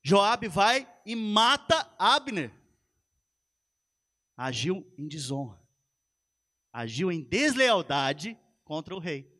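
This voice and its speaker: A man's voice: high voice, sing-song, takes it slowly, pauses often, pushed and bright. A man, a pastor preaching a sermon in a church, retelling a story with animation and speaking straight to the congregation.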